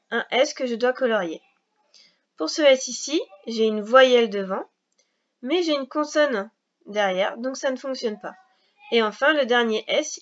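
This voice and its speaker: Woman, teacher, slightly high voice, patient step-by-step explaining, dull lo-fi recording. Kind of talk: recorded reading lesson for young children.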